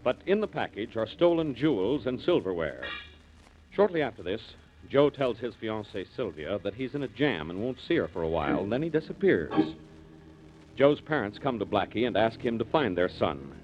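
A male announcer giving a brisk scripted recap of the story in old-time radio style, heard as an old broadcast. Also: lowish voice, very animated, lo-fi sound, slight background noise. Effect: old radio broadcast sound.

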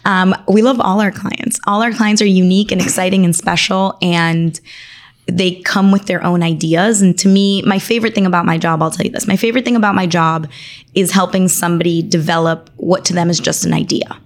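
A woman's voice: fairly low pitch, fairly even intonation. A woman born in Argentina and raised in Miami, an attorney speaking as a guest in a conversational interview, articulate and enthusiastic. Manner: articulate, enthusiastic, lists things quickly.

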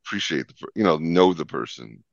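A man who produces talk show segments, chatting casually and telling lively anecdotes with frequent laughter. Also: extremely low pitch, brisk, vocal fry, dry recording, lo-fi sound. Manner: animated, laughs often, acts out voices in anecdotes. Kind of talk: casual storytelling chat.

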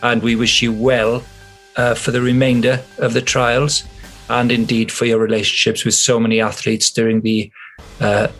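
A man's voice: fairly low pitch, a bit bright. A man hosting a podcast, wrapping up an interview with thanks in a playful manner. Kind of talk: interview wrap-up.

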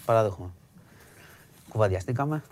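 A man's voice: fairly low pitch, animated, dry recording. A man co-hosting a radio show, retelling news stories in a casual, dramatic way. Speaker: radio co-host. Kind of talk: recounting news items in casual chat.

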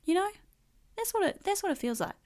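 A young woman hosting a casual song countdown, talking in an animated, slangy, gushing way. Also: extremely high pitch, fairly quick. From New Zealand. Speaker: host.

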